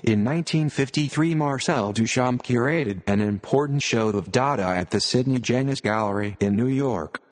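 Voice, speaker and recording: A man's voice: mid-range voice, moderate pace, few pauses. Synthetic male narrator, old speech synthesizer, long reverb. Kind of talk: scripted narration, read aloud.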